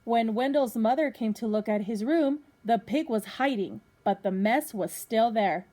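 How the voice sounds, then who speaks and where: Like a teacher with her pupils, a woman reads a children's picture book aloud and stops now and then to ask the young listeners questions. Her voice is mellow and fairly high.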